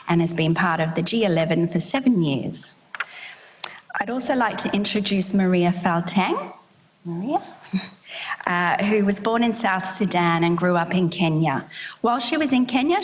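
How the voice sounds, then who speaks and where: A woman with a slightly low voice leads an education session, laying out a case study with measured, explanatory pacing. Her voice carries a long reverb tail from the large presentation hall around her. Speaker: session facilitator.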